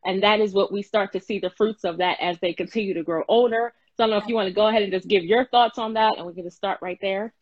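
A woman's voice: medium pitch, fairly even intonation, quick pace, hardly any pauses. A woman host interviewing a guest over a livestream, chatty and asking long, rambling questions. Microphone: livestream call. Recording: dull lo-fi livestream audio.

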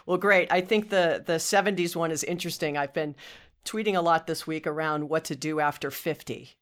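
A woman's voice: sits low, fairly quick. A woman in her fifties hosting a podcast interview, upbeat and chatty, often saying "you know" and restarting her sentences. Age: 50s. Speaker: podcast host.

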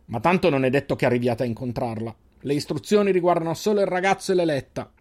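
A man's voice: fairly high pitch, fast talker, a little mellow, voice pushed up, natural voice. A man voicing a cruel, sneering male bandit leader in an audiobook, with a slimy, taunting delivery.

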